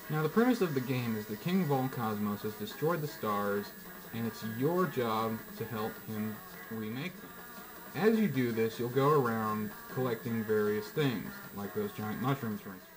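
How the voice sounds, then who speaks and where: A man gives casual commentary on a video game he is reviewing. His voice sits at a middle pitch, and he breaks his points into short, halting phrases with asides. There is music in the background. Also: expressive, poor audio.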